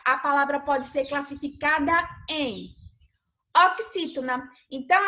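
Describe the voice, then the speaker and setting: Brazilian woman, Brazilian Portuguese accent, primary school teacher, high voice, patient, drawn-out words, recorded online lesson. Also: sharp tone. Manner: patient, stretches key words, asks pupils questions.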